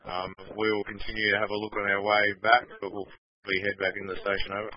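Low flat man over walkie-talkie. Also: quick pace. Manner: flat, procedural radio call style. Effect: over walkie-talkie radio. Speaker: fire crew radio operator. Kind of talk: radio traffic report. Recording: muffled lo-fi dry radio.

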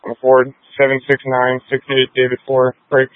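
Police officer guy on a police radio, totally flat monotone, crisp but tinny, dry. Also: mid-range voice, normal speed, dry recording. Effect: police radio transmission. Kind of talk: clipped radio codes.

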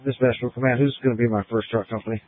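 A man's voice: medium pitch, steady tone, rapid-fire, no room sound. A man acting as fire incident commander, giving terse orders over a two-way radio with bursts of static. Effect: two-way radio transmission with static bursts. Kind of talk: fireground radio traffic. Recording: tinny dry radio channel.

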